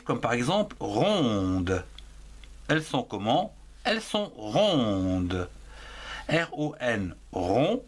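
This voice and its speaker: A man's voice: medium pitch, fairly bright tone. A man teaching young children to write, spelling words letter by letter and sounding out each syllable. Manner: slow and deliberate, breaks words into syllables. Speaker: primary school French teacher. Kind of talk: slow dictation lesson, spelling words aloud letter by letter.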